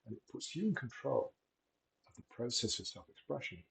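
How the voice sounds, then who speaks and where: A middle-aged man giving a gentle, measured talk on wellbeing, encouraging and unhurried with frequent pauses. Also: medium pitch, big pitch swings, vocal fry, slight background noise, low-quality recording. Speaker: wellbeing presenter. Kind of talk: reflective solo talk.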